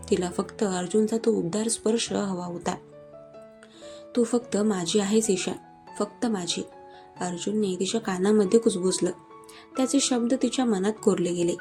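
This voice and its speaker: A woman storyteller giving a steady, expressive scripted narration of a romance story. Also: medium pitch. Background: soft music.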